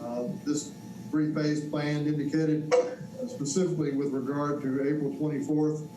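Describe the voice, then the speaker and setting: A man giving a formal, measured briefing to a council, his mic cutting in and out so the volume keeps jumping. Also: a little high, little pitch movement, dark tone. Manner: measured, reads out dates and lists. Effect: mic cutting in and out, uneven volume. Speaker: city staff member briefing council. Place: council chamber. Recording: echoey room, voice far from mic.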